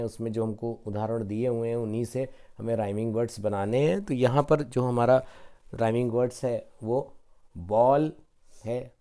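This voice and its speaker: A man teaching children an online phonics lesson on rhyming words, drilling word lists one at a time in a slow, drawn-out way, with a Hindi accent. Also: medium pitch, warm tone, clean tone.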